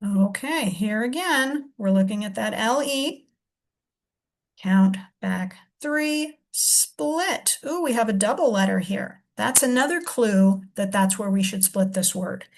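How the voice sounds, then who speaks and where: A woman teaching a reading lesson, patiently sounding out syllables slowly and explaining each step. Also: medium pitch, expressive. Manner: slow, deliberate sounding-out of syllables.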